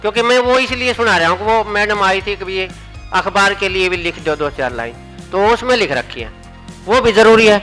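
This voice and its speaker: A man's voice: high voice, lively intonation, normal speed, a bit bright, faint music behind, low-quality recording. A man with a Haryanvi accent reciting comic poems on stage, playfully repeating his punchlines for the audience. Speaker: comic poet. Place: stage at a poetry gathering.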